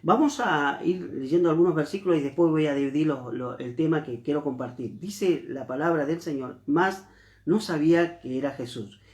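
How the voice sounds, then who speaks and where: Argentine male pastor, fairly high voice, earnest sermon in a reverberant room. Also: normal speed, a little mellow. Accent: Argentine Spanish. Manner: earnest preaching with repeated phrases.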